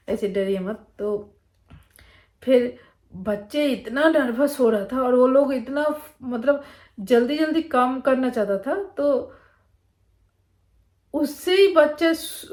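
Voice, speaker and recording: A woman's voice: fairly high pitch, a little mellow. A woman from Bengal with a Bengali accent, telling a personal story in a casual, rambling way with many fillers and restarts. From Bengal, India. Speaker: vlogger.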